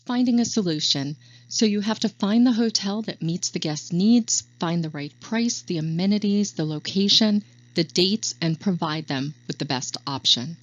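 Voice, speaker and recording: A woman with a fairly low voice leads a sales training session in a steady, instructive tone. She walks through slides and acts out sample lines for phone calls. The recording sounds dull and lo-fi. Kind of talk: training lecture over slides.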